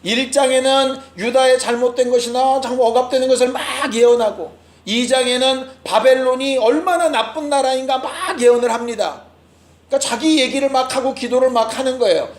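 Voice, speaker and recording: A man preaching at a Friday prayer meeting as pastor, passionate, swinging between loud rhetorical questions and quiet asides. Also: very high voice, brisk, echoey room. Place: church sanctuary.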